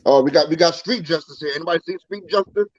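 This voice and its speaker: A man's voice: on the high side, fast talker, no room sound, dull audio. A man co-hosting a casual podcast, teasing in a playfully mock-formal way. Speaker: podcast co-host. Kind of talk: casual chat.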